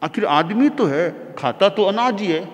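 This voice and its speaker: A preacher voicing a loyal charioteer who addresses his master with respect and reassurance. He speaks slowly with a lively pitch, and the voice echoes with a long hall reverb. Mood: deferential. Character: loyal deferential charioteer, adult man.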